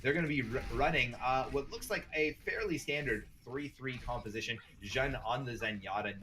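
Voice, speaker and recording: A man with a Canadian accent calling an online esports match as caster, chatty and upbeat, laughing often and getting excited on big plays. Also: medium pitch, slight background noise. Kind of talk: play-by-play esports commentary.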